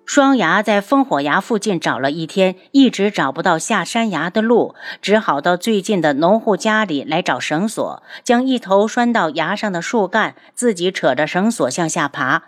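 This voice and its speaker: Female audiobook narrator, slightly low pitch, even storytelling. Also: normal speed, few pauses.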